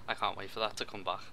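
A young man chatting while playing a co-op strategy game, excitable, with quick outbursts and laughs. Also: fairly low pitch, gravelly. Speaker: co-op gameplay commentator. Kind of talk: casual gaming chat.

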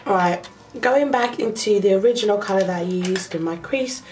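A young woman with a cold, her voice nasal, mid-range and a little mellow, talks slowly through a makeup tutorial with plenty of fillers. She's a makeup vlogger filming close to her face in a small bedroom, with soft music playing behind her.

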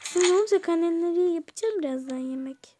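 Woman plays a sweet fussing aunt in a toy-game story, very high voice, calls everyone dear. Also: lively intonation, quick pace, background noise. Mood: fond. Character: kind caring aunt, middle-aged woman. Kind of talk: toy game role-play voice-over.

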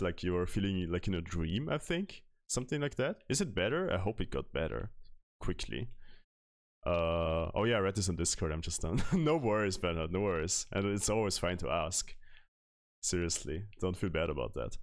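A young man from Austria chatting casually with his stream chat while playing, laughing often and answering questions. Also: sits low. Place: small room at home, indoors. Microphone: headset microphone.

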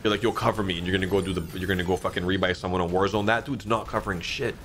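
A man in his thirties giving casual, excitable commentary while playing an online slot game, often swearing and jumping up in pitch at big moments. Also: rapid-fire, slight background noise. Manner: excitable, swears a lot, frequent pitch jumps. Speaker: slot streamer. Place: dim home streaming room, indoors.

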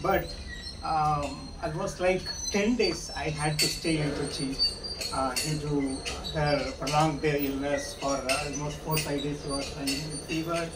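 A middle-aged man, halting with fillers as he opens a club meeting in an open-air pavilion, recorded by a far camera. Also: on the high side, fairly even intonation. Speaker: presiding officer of a speaking club meeting. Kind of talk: opening remarks at a club meeting. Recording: roomy, distant, with loud background noise.

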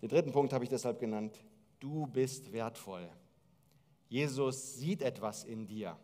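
Pastor, man, 40s: lively sermon delivery on stage, reverberant hall. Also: mid-range voice, measured pace. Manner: lively, gesturing storyteller.

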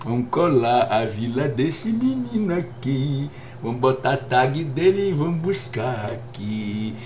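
A man's voice: mid-range voice, big pitch swings, measured pace, darkish tone, a little hiss or hum. A Brazilian man in his fifties chatting jokily to viewers on a live game stream, repeating "rapaz" over and over. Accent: Brazilian Portuguese. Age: 50s. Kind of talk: live gameplay stream chat.

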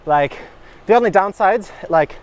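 An American cycling vlogger from Michigan, riding a bike on a gravel country road, speaks in a high, expressive voice at an unhurried pace. His talk is casual, easygoing and enthusiastic.

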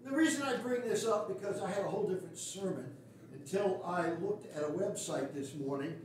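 Brisk and high, the older pastor delivers his sermon with blunt, folksy sarcasm. The setting is a small wooden church sanctuary, recorded from afar by a camera behind the pews, giving an echoey sound.

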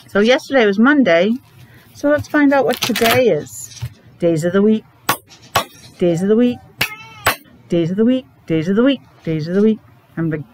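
A middle-aged preschool teacher with a medium-pitched voice asks small children questions during a morning meeting, keeping her talk simple and sing-song. Her face mask slightly muffles the sound. She's picked up in a noisy classroom by a device mic about arm's length away.

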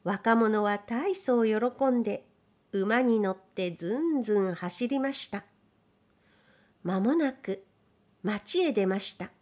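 A woman narrating an old children's folk tale aloud in a gentle, clear storybook manner. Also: mid-range voice, animated, slow pace.

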